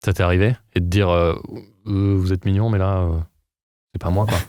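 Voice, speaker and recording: A man with a very low, mellow voice interviews in an easy conversational way. He gives brief prompts and informal questions, picked up close with a dry sound. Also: steady tone, fairly quick, no echo. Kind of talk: casual interview chat.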